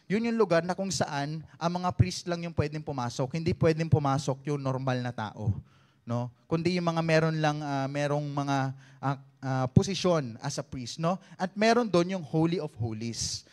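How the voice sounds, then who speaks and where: A man's voice: on the high side, darkish tone. A young man with a Filipino accent preaching a Sunday sermon in a chatty way, often asking "no?" and prompting the congregation.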